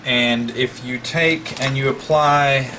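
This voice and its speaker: In a hobbyist's demonstration video, a man walks through a hands-on radio repair step by step, chatting in a casual, folksy way. His voice is medium-pitched and steady, his pace slow, with background noise present.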